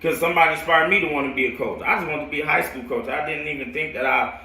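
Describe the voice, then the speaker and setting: An American football coach in his late twenties tells his own stories to livestream viewers in a slangy, rambling way, often repeating phrases. His voice is fairly high, quick, bright and forceful. The recording has roomy echo, with him distant from the mic.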